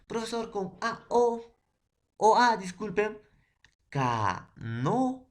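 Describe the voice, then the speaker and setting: Slow-speaking Peruvian teacher, checking in often. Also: male voice, mid-range voice, sing-song, fairly bright tone. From Peru. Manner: slow, syllable-by-syllable spelling out of words, with frequent "¿ya?" and "¿no?" checks; poses questions and answers them himself. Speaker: secondary school teacher. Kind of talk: classroom lesson.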